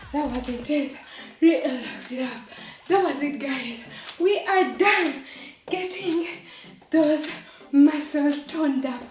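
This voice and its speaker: A high-voiced woman coaches a home workout, counting reps aloud and cheering the listener on. She sounds a little away from the mic, in a roomy, echoing space with faint music underneath. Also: far from the mic. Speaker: fitness instructor.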